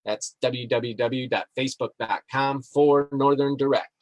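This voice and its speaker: A man hosts a podcast in a loose, easygoing way, reading out passages and then musing on them with fillers and soft chuckles. His voice sits at an ordinary middle pitch. The sound is dry, with almost no room around it. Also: measured pace, dry recording, poor audio. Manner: relaxed, rambling, with fillers and chuckles. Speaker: podcast host. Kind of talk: casual podcast talk, reading passages aloud. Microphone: live-streamed podcast mic.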